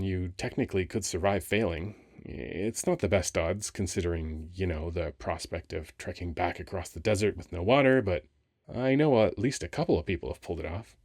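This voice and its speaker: In a dry, close ASMR roleplay with no room sound, a man plays a sphinx guarding an ancient temple. His low, slightly mellow voice rambles casually and haltingly, wry, weary and flirtatious, with a matter-of-fact mood.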